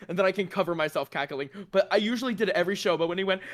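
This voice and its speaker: A man chatting on a podcast, telling animated theater stories and laughing often. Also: high-pitched, rapid-fire. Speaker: cast member recalling a show. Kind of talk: casual podcast chat.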